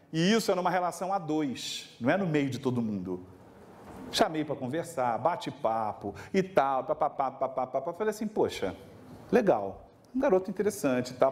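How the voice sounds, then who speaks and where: A middle-aged man lecturing teachers at an event, animated and acting out little scenes with his students. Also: sits high. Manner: animated, acts out dialogue with students. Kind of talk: lively talk to a live audience. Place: event hall.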